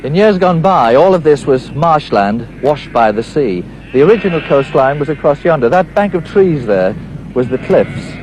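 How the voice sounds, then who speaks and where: A male documentary reporter with a fairly high, animated voice that moves freely up and down. He narrates and asks questions on location, in a 1970s recording with some background noise. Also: normal speed, rough recording. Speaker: reporter and interviewer. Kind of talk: scripted narration and on-location interviewing for a regional documentary.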